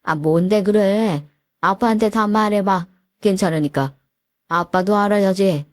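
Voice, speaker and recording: A woman voicing a blunt, worried father in his seventies who talks in a gruff, scolding way. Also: mid-range voice, unhurried, no echo, studio quality, close to an everyday voice. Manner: gruff, scolding, plain-spoken.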